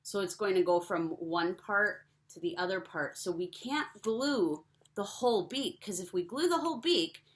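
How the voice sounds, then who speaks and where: A young woman walks children through a craft project in a cheerful, step-by-step way. Her voice is bright and lively, rising and falling a lot. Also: lowish voice. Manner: cheerful, step-by-step instructions to kids. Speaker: teacher.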